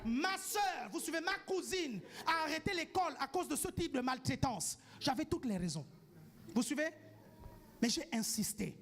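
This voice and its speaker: A man preaching a sermon emphatically, forever checking that the congregation follows him and bursting into shouts to drive points home. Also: extremely high pitch, sing-song, moderate pace. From grew up outside France. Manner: emphatic, keeps asking the congregation "do you follow?".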